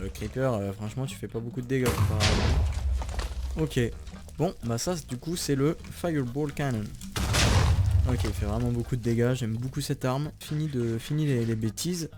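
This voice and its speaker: A man's voice: mid-range voice, very noisy. Chatty young man, gaming commentary. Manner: chatty, excitable, talks to viewers. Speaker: gaming YouTuber. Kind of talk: casual Minecraft let's play commentary. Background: background music.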